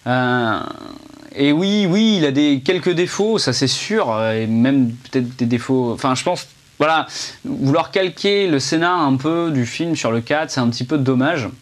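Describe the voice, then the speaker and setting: A man's voice: mid-range voice, lively intonation, a little slow. A man giving a casual film review to camera, chatty and hesitant, with many fillers and restarts.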